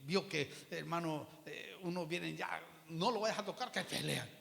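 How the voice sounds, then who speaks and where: Gravelly preacher telling his testimony. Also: on the high side, fairly bright tone. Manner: storytelling, acts out quoted exchanges. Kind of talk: sermon testimony. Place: church hall. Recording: reverberant church hall.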